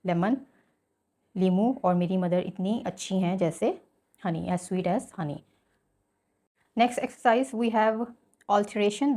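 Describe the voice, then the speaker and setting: A woman's voice: medium pitch, a little mellow. A woman teacher explaining a school English lesson, reading example sentences aloud and then explaining them in Hindi-Urdu.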